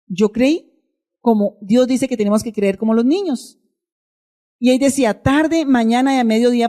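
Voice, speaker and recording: A woman's voice: fairly high pitch, warm tone. A woman pastor giving a sermon, telling a personal testimony in a conversational, emotional way and addressing the congregation directly.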